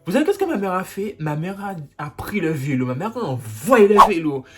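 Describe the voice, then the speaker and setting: Male vlogger, animated storyteller, lively pitch, dramatic sound effects. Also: a little fast, very noisy. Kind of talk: storytime vlog.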